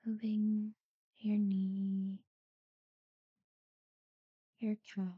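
A woman guiding a sleep meditation in a soft, breathy near-whisper, soothing and unhurried, with long pauses between short phrases. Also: mid-range voice, little pitch movement, no room sound, narrow, tinny audio. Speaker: guided relaxation narrator. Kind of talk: guided sleep meditation talkdown.

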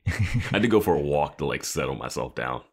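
A man's voice: extremely low pitch, lively intonation, fast talker, a little mellow. A man co-hosting a casual TV recap chat, joking dryly and laughing often. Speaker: podcast co-host.

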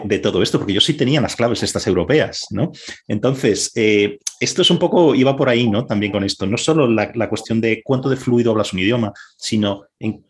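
A man interviewing a guest, thoughtful and searching for words as he speaks. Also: on the low side. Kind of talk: conversational interview.

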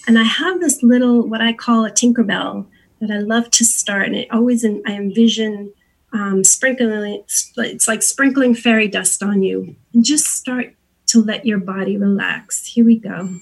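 Female sound-healer guest, husky with vocal fry, gently instructive, somewhat halting. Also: medium pitch, steady tone, low-quality recording. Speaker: interview guest, sound healer and Reiki practitioner. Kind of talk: unscripted interview, explaining and giving gentle guidance.

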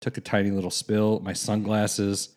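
A man in his thirties co-hosting a casual podcast, easygoing and quick to laugh. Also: fairly low pitch, level tone, darkish tone. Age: 30s. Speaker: podcast co-host. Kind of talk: casual chat. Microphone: headset.

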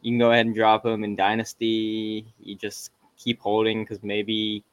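A man's voice: lowish voice, completely flat delivery, normal speed, dry recording. A man co-hosting a podcast, talking sports in a casual, conversational way. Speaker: podcast co-host.

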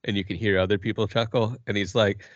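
A man co-hosting a podcast who tells stories in an animated way, acting out what people said. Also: on the low side, fast talker, dry recording. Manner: animated storytelling, acts out quotes. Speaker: podcast co-host. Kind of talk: casual sports chat. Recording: dry, dull lo-fi sound.

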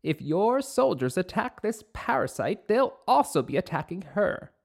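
A man voicing a wise, mysterious old witch who gives slow, solemn warnings. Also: high-pitched, big pitch swings, gravelly, darkish tone, breathy edge, pitched above the performer's own voice, full character voice. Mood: compassionate.

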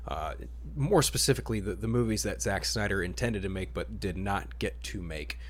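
Talking superhero movies on his podcast, this male host keeps things casual and conversational. His pitch is fairly low, his pace moderate, and there's slight background noise.

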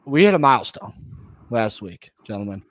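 A man's voice: fairly low pitch, very animated, moderate pace, no echo. An American man hosting a casual sports podcast, emphatic and repeating phrases for effect. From United States. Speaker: podcast host.

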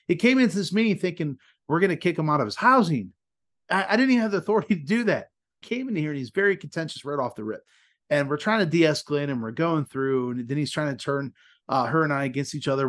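A lively male podcast host in his thirties with a fairly high voice, telling stories in a relaxed, chatty way. He laughs often and acts out the lines of the people in his story. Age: 30s. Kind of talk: casual storytelling in an interview.

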